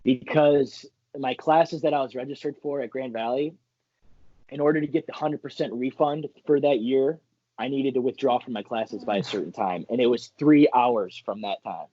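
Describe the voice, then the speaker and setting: A man's voice: mid-range voice, normal speed, dry recording, muffled recording. A young man from Michigan, a college wrestler guest, telling stories animatedly in a casual interview, full of "like" fillers. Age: young adult. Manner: animated, acts out quotes, many "like" fillers.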